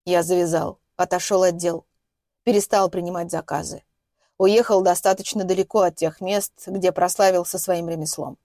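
A woman voicing a calm, quiet retired male hitman who speaks in a low, measured way. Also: no room sound, clean studio sound, natural voice.

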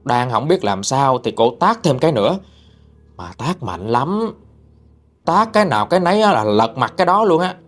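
A man's voice: medium pitch, sing-song, normal speed, fairly bright tone. Guy telling a ghost story, voice swoops all over, faint music under it. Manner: chatty, dramatic, addresses listeners directly. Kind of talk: storytelling narration.

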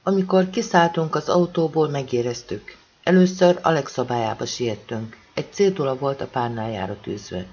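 A man reading the lines of a hoarse, defensive father, in a dull lo-fi audiobook recording. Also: mid-range voice, darkish tone.

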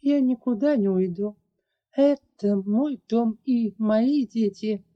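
A woman voicing a fierce young dragoness who defends orphans, accusing and high-strung. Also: measured pace, highs cut off. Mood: furious. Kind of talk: audiobook character voice.

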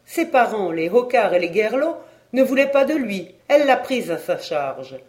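A reader voicing a quick-tempered weaver's wife of about forty who exclaims loudly and high. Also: big pitch swings, close to an everyday voice. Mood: indignant. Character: excitable woman weaver's wife, around forty.

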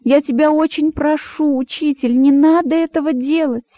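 A man reading an audiobook, voicing an excitable young rabbit who pleads and exclaims. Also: high voice, a little slow, no room sound. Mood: pleading. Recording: dry, narrow phone-like sound.

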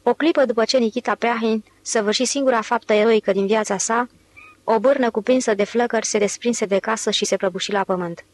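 A woman reading a novel aloud in steady, measured literary narration. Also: fairly high pitch. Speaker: audiobook narrator.

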